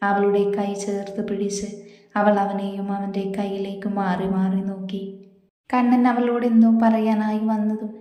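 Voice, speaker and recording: A woman's voice: mid-range voice, little pitch movement, normal speed, dark tone. A woman narrating a romantic story and reading every character's lines in her own voice. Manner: reads every character, hero and heroine alike, in her own voice. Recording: echoey room with long reverb.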